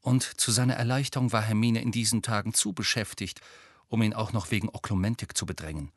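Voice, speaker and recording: A man reading a novel aloud as an audiobook narrator in a measured storytelling manner. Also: lowish voice, fairly even intonation, no room sound, studio quality. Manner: measured storytelling with character voices. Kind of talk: scripted narration.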